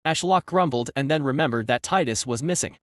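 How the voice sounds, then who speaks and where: A man reading a fantasy story recap as steady scripted narration. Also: medium pitch, a little fast, no echo, clean studio sound.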